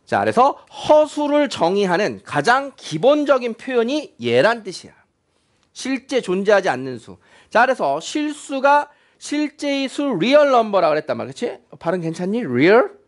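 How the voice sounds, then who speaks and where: Lively high-voiced male math teacher. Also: normal speed. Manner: chatty, quizzing students with frequent questions. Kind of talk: classroom lecture. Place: classroom.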